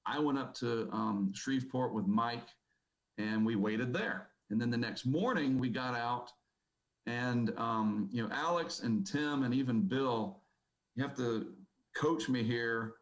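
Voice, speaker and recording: A man gives a talk at a conference, rambling through his story in a loose, casual way. His voice sits at a middling pitch, and his sentences are full of ums and uhs. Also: unhurried, poor audio. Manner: casual, rambling, with many fillers. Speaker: conference speaker. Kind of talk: presentation talk. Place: conference hall.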